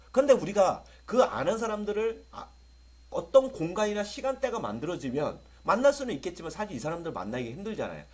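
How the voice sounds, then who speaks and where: Lively husky male grammar teacher. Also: a little high. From South Korea. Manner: lively, keeps asking students if they follow. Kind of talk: lecture to students.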